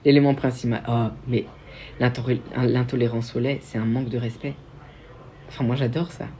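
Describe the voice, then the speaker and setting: A man's voice: medium pitch, flat delivery, normal speed, warm tone, slight background noise. A young man from Belgium, hosting a casual livestream and answering viewer questions in a chatty, self-mocking way with frequent restarts. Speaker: livestream host.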